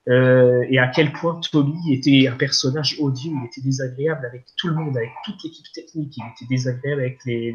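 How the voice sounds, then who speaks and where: Male guest, hesitant and halting delivery, muffled lo-fi recording. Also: mid-range voice. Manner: hesitant, many fillers. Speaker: podcast guest. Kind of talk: casual film review chat.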